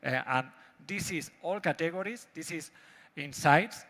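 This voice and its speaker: Spanish guy doing a startup pitch in broken english, strong accent, kinda higher voice, big reverby hall. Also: fairly bright tone. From Spain. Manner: broken English, halting non-native phrasing. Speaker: startup presenter pitching a product. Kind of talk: live pitch presentation with demo. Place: large event hall. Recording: echoey hall with long reverb.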